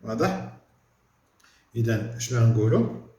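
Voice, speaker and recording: A man with a Moroccan accent teaching a French lesson in Moroccan Arabic. He slows down on French words and keeps checking that the class understands. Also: mid-range voice, expressive, warm tone, echoey room. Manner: slows down to spell out French words, asks "clear?" often.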